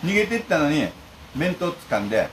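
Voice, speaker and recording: A man's voice: fairly high pitch, moderate pace, slight background noise, rough recording. A talkative middle-aged man, the manager of a bento shop, telling stories in casual chat. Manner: talkative, lively storytelling.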